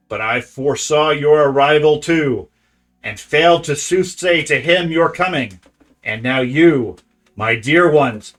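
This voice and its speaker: A man's voice: on the high side, bright, forceful tone. A man voicing an ancient, bitter eagle-headed demon for a tabletop game, with a snake-like hiss and formal archaic speech. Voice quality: hissing, snake-like. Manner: formal archaic speech, slow solemn pronouncements. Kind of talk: game master acting a villain in a tabletop game.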